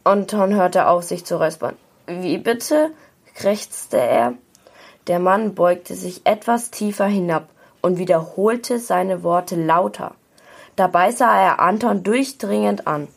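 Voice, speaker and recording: A woman reading a children's story aloud at a steady pace. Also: medium pitch, vocal fry, slightly rough.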